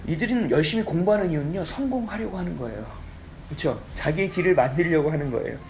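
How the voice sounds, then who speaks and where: Male pastor, chatty lively delivery, keeps asking the congregation to agree, faint church ambience. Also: fairly high pitch, fast, slight background noise. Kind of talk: conversational sermon. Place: church sanctuary.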